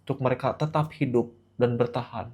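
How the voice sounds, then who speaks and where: A man's voice: medium pitch, steady tone, a little fast, a little mellow, husky. Earnest young man vlogging casually. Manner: earnest, reflective, casual slang. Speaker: vlogger host. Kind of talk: casual vlog commentary.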